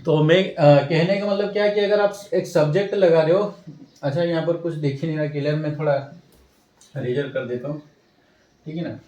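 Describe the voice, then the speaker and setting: A man with a fairly high voice teaches a language lesson and keeps checking that his listeners follow along. He poses questions and answers them himself, speaking some way off the mic in an echoey room. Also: fairly even intonation, moderate pace, warm tone. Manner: repetitive, checks in with "ठीक है ना" often. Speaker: English teacher. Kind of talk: classroom-style language lesson. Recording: roomy echo, mic set at a distance.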